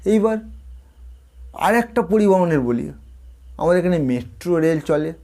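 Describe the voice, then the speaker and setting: Middle-aged male tutor, slightly high pitch, repetitive quiz-style teaching. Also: animated, measured pace, a little mellow. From India. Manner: explains each term, then repeats it and quizzes the viewer. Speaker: English tutor. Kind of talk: spoken language lesson.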